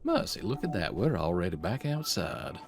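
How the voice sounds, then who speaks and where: A man's voice: deep voice, very animated, normal speed, creaky, background noise. A man streaming a shooter game, talking to his chat in a put-on, genteel, old-fashioned southern drawl with a courtly, wry manner. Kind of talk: live gameplay commentary. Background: game music.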